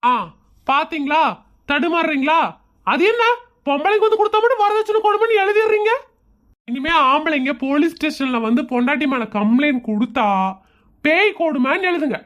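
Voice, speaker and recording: Comedy skit: man as sarcastic, fed-up husband, high-pitched voice, Kongu Tamil accent, argumentative and mocking. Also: expressive, moderate pace, a bit bright. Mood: indignant sarcasm. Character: exasperated, sarcastic husband who mocks everyone around him.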